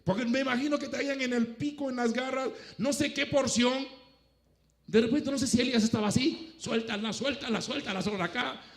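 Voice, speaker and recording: A male pastor preaching a lively sermon, acting out conversations between God and a prophet. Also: very high-pitched, a little fast. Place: church. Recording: echoey church hall.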